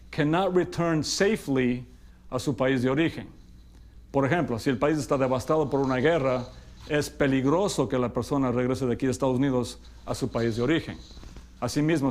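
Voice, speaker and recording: Middle-aged male immigration lawyer from Ecuador, measured explainer, slows down for key terms, mid-pitched voice. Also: a little mellow. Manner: mixes English legal terms into Spanish. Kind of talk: explainer talk to camera.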